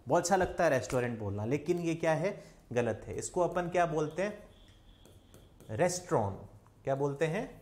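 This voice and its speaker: A man's voice: on the high side, lively intonation, fast talker, darkish tone. A young man from India with an Indian accent, teaching an online spoken English lesson and quizzing viewers with repeated questions.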